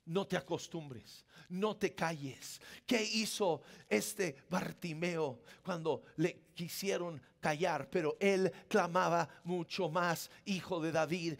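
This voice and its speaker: A man preaching a sermon, swinging from a soft murmur to shouting. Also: fairly high pitch, creaky.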